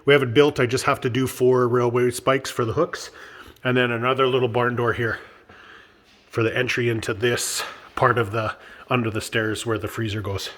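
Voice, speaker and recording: A man's voice: mid-range voice, flat delivery, normal speed, fairly bright tone. Male vlogger, congested and cheerful, recorded in a roomy space with a long echo. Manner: upbeat and chatty, laughs often. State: stuffed-up nose. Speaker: vlog host. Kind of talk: casual build vlog narration. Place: workshop house under renovation, indoors.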